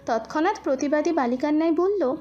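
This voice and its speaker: A woman narrating a romantic story with an expressive, flowing delivery. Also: sits high, brisk, muffled recording. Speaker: voice artist, storyteller.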